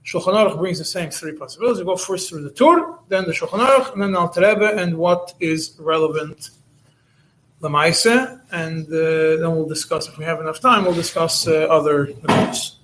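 High-voiced rabbi teaching a halacha class. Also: male voice, normal speed, a bit bright, poor audio. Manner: explains step by step, with many restarts and Hebrew and Yiddish terms. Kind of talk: recorded Torah lesson.

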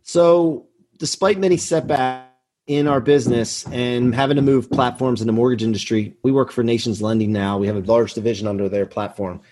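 A self-assured man in his forties appears as a podcast guest, telling motivational business anecdotes with emphasis and earnestness. His voice is mid-range with a darkish tone.

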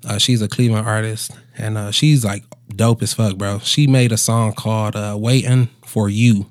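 A man's voice: lowish voice, fairly even intonation, normal speed, no echo, clean studio sound. A man in his twenties, a musician chatting casually in a laid-back, slangy bro manner with plenty of swearing. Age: 20s. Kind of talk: casual conversational storytelling.

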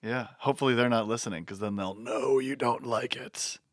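A man co-hosting a podcast, chatting casually with quick joking asides. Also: mid-range voice, no room sound, clean studio sound. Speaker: podcast co-host.

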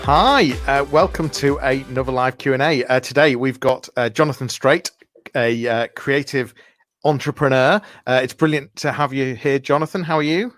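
Male interview host, halting with lots of "uh"s, dry booth sound. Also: medium pitch, a bit bright, no echo, soft background music. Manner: hesitant, many filler sounds. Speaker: podcast host. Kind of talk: live video interview.

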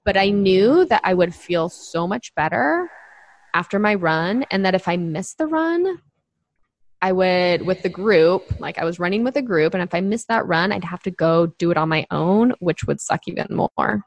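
A woman with a fairly low voice chats on a podcast, coaching listeners in a relaxed, encouraging way. She speaks to them directly and scatters fillers through her talk. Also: normal speed, no echo. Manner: chatty, frequent fillers like "like" and "you know". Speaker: podcast co-host and nutrition coach. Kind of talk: casual podcast chat.

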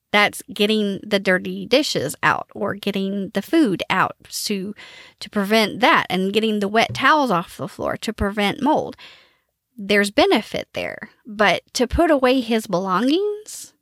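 Frank and lively, this woman hosts a podcast, handing out household tips and swearing casually as she goes. Her voice is mid-range, and the studio-quality recording has no room sound.

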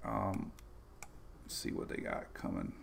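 Slight background noise accompanies a male weather show host speaking at a measured pace. He's live-streaming a loose, chatty talk about the tropics, reading the chat, greeting viewers by name, and laughing often.

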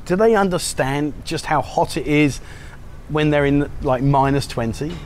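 A man's voice: fairly high pitch, measured pace, slight background noise. A man hosting a casual interview show outdoors, upbeat and teasing as he asks questions. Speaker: show host. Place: outdoors at a beachside cafe.

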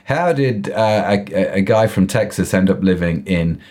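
A man with a croaky, froggy voice hosting a podcast in an enthusiastic, informal, chatty presenting style. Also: low-pitched, expressive, moderate pace, a little mellow. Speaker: podcast host. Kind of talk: podcast introduction, chatty semi-scripted presenting.

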